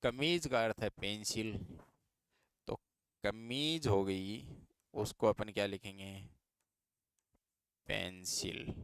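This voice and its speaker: A man's voice: fairly low pitch, steady tone, slow pace, pauses often, clean tone, no echo, clean studio sound. A man teaching a reasoning lesson for exam students, patient and repeating each step as questions to his students.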